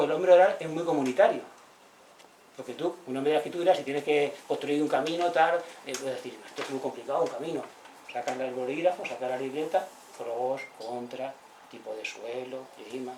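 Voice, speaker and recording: Man giving a lively talk in an echoey hall. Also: medium pitch, moderate pace, slight background noise. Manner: lively storyteller acting out quoted villagers. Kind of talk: public talk, anecdotal lecture. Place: squatted social centre hall. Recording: echoey room, voice from far off.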